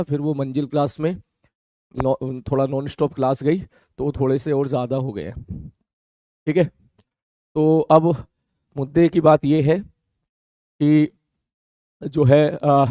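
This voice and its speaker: A man teaching a live online physics class who has a mouth ulcer and talks slower than usual. He keeps asking his students whether his point is clear. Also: mid-range voice, mellow, no room sound, studio quality. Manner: addresses students as beta, checks understanding.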